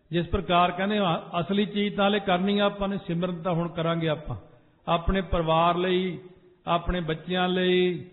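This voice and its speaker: A man with a high voice preaches a Sikh sermon to a gathered congregation. He drifts into a sing-song chant and then presses his points with sudden force. The sound is tinny and narrow, as if through a phone, and it rings with a long hall echo. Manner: preaching in a sing-song cadence, rising to urgent emphasis. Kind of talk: sermon with sung phrases. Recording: echoey hall over a tinny phone-like line.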